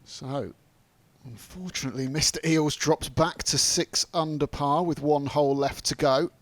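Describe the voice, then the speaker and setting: A man's voice: fairly high pitch, normal speed, dry recording. A man working as a golf commentator, giving live play-by-play of the shots and scores.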